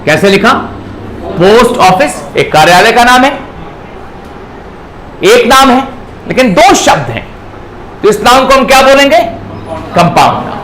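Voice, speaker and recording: Slow-spoken teacher in an echoey classroom. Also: male voice, very high-pitched, very animated, fairly bright tone. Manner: spells words letter by letter, calls students beta. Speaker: English grammar teacher. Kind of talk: classroom grammar lecture. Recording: echoey classroom, faint background noise.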